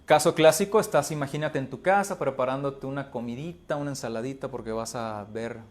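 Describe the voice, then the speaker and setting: A man's voice: mid-range voice, brisk. A man giving an informal talk on psychology, speaking emphatically and constantly checking in with rhetorical questions. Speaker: speaker on emotional health.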